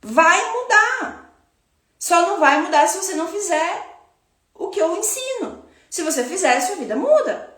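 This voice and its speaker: Slow, high-voiced woman teaching spirituality. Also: sing-song, a bit bright, echoey room. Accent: Brazilian Portuguese. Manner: slow, reflective, addresses listener directly. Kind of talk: spiritual self-help talk.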